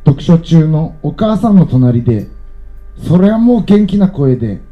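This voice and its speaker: A man reading his own travel essay aloud in a calm, measured storytelling manner. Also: fairly high pitch, narrow, tinny audio.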